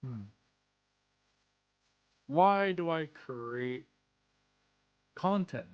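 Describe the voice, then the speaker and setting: A man with a slushy lisp and slightly slurred words, talking casually and haltingly as he introduces himself in a vlog, often repeating phrases. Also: fairly high pitch, expressive, clear, resonant tone, muffled recording. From Canada. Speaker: content creator and streamer.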